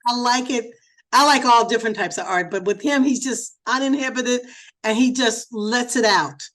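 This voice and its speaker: A woman's voice: on the high side, normal speed, a bit bright, low-quality recording. Enthusiastic woman host in her sixties. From Chicago. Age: 60s. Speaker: interview host. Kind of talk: casual interview chat.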